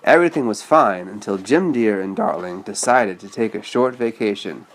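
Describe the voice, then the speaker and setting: A man with a lowish, expressive voice reads a children's story aloud at a moderate pace. He chats patiently with a child along the way, slipping in casual explanatory asides.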